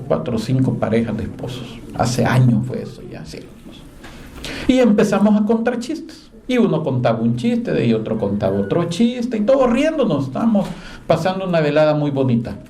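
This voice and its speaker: A man preaching a sermon in a conversational way, telling stories and moving between hushed and animated delivery. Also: on the high side. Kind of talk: sermon with storytelling.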